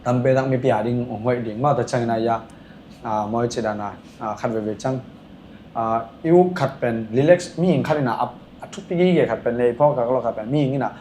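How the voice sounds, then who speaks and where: A man talks at a quick clip as a podcast guest, spinning loose, rambling stories full of filler sounds. His voice bounces around an echoey room, with a faint ambient hum underneath. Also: mid-range voice, dark tone. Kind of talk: casual podcast chat.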